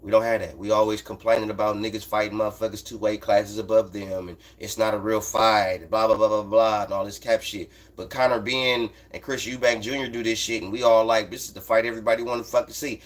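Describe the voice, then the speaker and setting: This is an American guy hosting a boxing talk stream, answering chat with loose, unscripted sports talk. His voice sits on the low side, level in tone and a little quick, with hardly a break, as he drives points home through blunt, profane slang and repeated lines.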